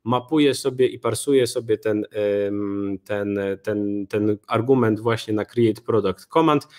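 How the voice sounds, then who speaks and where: Young male speaker, live coding demo from a small home room, relaxed, halting delivery. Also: lowish voice. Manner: relaxed, many fillers and restarts. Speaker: conference speaker.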